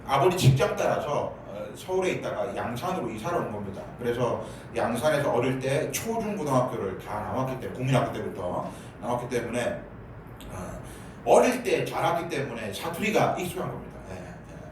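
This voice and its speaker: A guest pastor in his fifties from Seoul, South Korea, preaches a humorous, chatty sermon, joking with the congregation and mixing Gyeongsang dialect into his Seoul speech. His medium-pitched voice swings widely in pitch and moves briskly. The recording is made from far off in a very echoey church sanctuary, with a little hiss or hum.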